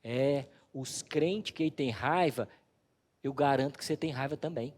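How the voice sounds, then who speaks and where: A man voicing Jesus, slow, low and gentle, within a sermon. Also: natural voice. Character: calm voice of Jesus, male, gentle.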